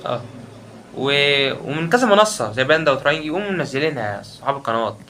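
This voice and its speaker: A man's voice: fairly high pitch, expressive, fast talker, bright, forceful tone, a little hiss or hum. A young man with an Egyptian Arabic accent, talking straight to his viewers in an emotional, repetitive vlog rant. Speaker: YouTuber. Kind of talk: ranting vlog monologue.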